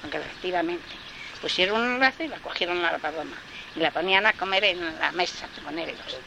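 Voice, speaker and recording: A woman's voice: lowish voice, fairly quick, creaky. Brief: older woman, oral folk storyteller, rambling and repetitive; noisy field tape. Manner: rambling, repetitive, with frequent fillers. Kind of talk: oral folktale telling.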